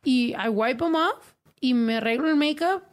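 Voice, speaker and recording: Young woman, high voice, swears a lot, flips between spanish and english, casual podcast chat. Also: lively intonation, a little slow. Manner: profane, code-switching between Spanish and English. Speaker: podcast host.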